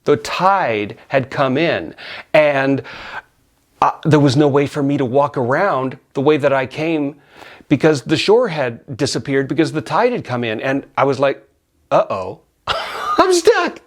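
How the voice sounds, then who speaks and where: A middle-aged man casually telling a personal story, animated and often laughing as he acts out his own yells. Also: medium pitch, unhurried.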